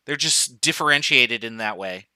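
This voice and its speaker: A man lectures on chemistry in a loose, joking manner, thinking aloud and trailing into fillers. His voice is very bright and crisp at a middle pitch. The sound is dry and close, with no room echo. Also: lively intonation, normal speed. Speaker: chemistry professor. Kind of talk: online lecture.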